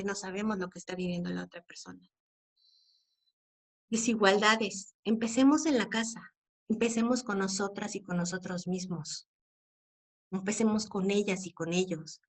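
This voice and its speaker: A middle-aged Mexican woman giving an informal, earnest talk to parents, often asking rhetorical questions. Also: medium pitch. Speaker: speaker on parenting and equality.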